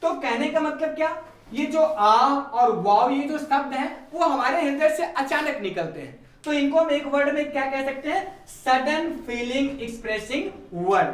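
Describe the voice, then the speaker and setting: High-voiced man teaching, echoey room. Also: animated. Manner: asks rhetorical questions and answers them himself; repeats key terms slowly. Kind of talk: classroom grammar lesson. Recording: echoey room, mic far off.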